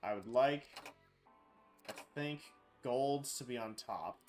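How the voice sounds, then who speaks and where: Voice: medium pitch, slow pace, a little mellow, soft background music. A streamer co-player making dry, wry remarks in casual chat.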